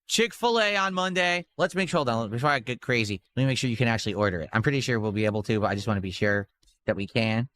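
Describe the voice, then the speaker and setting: Bright-voiced man rambling on livestream. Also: mid-range voice, quick pace. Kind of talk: casual livestream chat.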